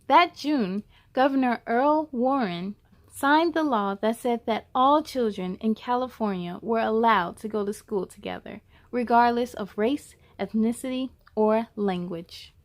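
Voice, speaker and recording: With a slightly high voice, a story-time host gives a deliberate, expressive reading of a children's picture book.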